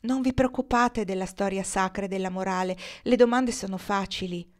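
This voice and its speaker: A woman's voice: medium pitch, moderate pace, natural voice. A woman doing a jittery young schoolgirl. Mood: anxious. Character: nervous, agitated young female student.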